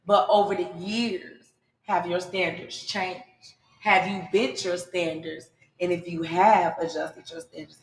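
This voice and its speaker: A woman's voice: on the low side, a little hiss or hum. A woman in her forties hosting a podcast, chatty and asking her guests questions. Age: 40s. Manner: chatty, laughing, asks questions. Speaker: podcast host. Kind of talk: casual chat. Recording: roomy echo.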